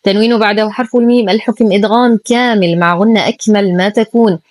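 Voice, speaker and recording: A woman teaching Quran recitation, who alternates brisk rule explanations with very slow, carefully drawn-out model readings. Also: mid-range voice, fairly even intonation, darkish tone, dry recording.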